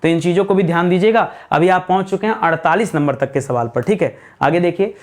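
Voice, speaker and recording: A man's voice: sits high, fast talker. Male Hindi teacher quizzing his class. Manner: repeats questions to students, calling them "friends"; clears throat now and then. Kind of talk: spelling lesson at a board.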